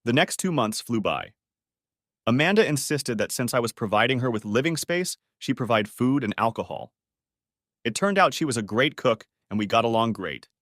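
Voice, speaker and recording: A man narrating a first-person family story in a steady, matter-of-fact way on a close mic. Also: mid-range voice, normal speed, no room sound.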